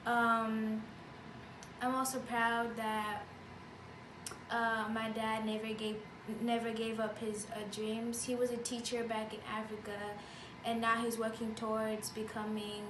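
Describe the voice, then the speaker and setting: A young woman who grew up in Tanzania, answering interview questions in a soft-spoken, hesitant way. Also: fairly high pitch, completely flat delivery, measured pace. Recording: echoey room, distant mic, noisy.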